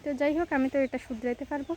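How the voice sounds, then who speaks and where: A young Bangladeshi woman chatting to her viewers while she works in her village garden, rambling and casual, sometimes slow and soft. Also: high-pitched, a little hiss or hum. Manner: speaks slowly and softly on purpose at times. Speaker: village vlogger. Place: outdoors in a village vegetable garden.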